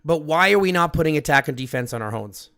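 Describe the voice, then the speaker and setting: A man's voice: a little high, lively intonation, fast, fairly bright tone, no room sound, clean studio sound. A man hosting a livestream, coaching a player on game stats in an emphatic, profane, step-by-step way. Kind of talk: casual livestream chat.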